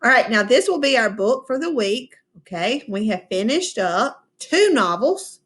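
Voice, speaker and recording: Slow, expressive woman reading aloud. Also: fairly high pitch, husky. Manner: expressive, asks the children questions, slow and patient. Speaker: teacher reading aloud to children. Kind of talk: storybook read-aloud with class discussion.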